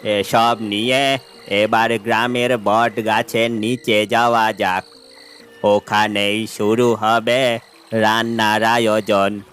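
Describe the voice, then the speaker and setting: Man doing a solemn cartoon village priest, low flat voice, super slow, faint noise behind. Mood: calm. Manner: solemn chanting of mantras.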